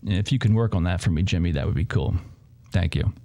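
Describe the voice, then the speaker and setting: A man's voice: low-pitched, brisk, gravelly, warm tone. A man hosting a political commentary show, talking in a heated, sarcastic way with mocking asides.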